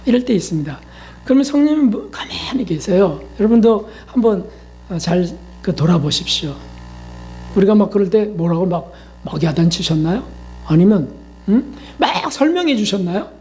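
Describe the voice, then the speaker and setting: A man's voice: high voice, expressive, moderate pace, mellow, slight background noise. A male pastor preaching a sermon in a conversational style, often asking the congregation questions and acting out quoted voices.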